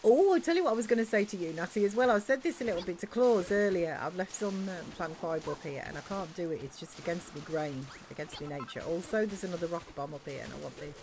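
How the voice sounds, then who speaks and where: A woman's voice: on the low side, lively intonation, fast, few pauses, a little mellow, a little hiss or hum. A woman streamer chatting casually and rambling through stories while playing a game. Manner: chatty, rambling storyteller with regional slang.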